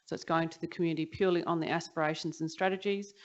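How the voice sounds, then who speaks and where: A woman council officer answering a question at a meeting, explaining the plan clearly. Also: sits low, fairly even intonation, racing. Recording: dull muffled council chamber audio.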